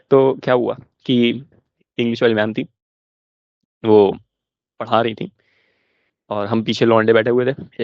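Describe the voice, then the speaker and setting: A man's voice: medium pitch, vocal fry, no echo, lo-fi sound. Young man telling a school story on stage. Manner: animated, laughing at his own story. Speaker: stand-up comedian. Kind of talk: stand-up storytelling.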